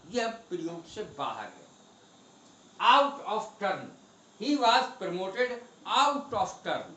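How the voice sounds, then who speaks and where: A man gives an English vocabulary lesson, drawing out each example phrase slowly before explaining it. His voice sits high and swings widely in pitch. It sounds echoey and a little distant from the mic, with faint noise behind. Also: a bit bright. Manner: reads English examples slowly and deliberately, explains briskly in Hindi. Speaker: English teacher.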